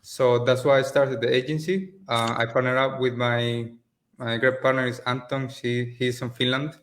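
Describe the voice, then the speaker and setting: Speaking from a rented office in Mexico, this agency owner is a native Spanish speaker from Spain in his late twenties. As a guest in a casual call interview, he keeps things easygoing, restarting and phrasing loosely at a normal speed in a mid-range voice.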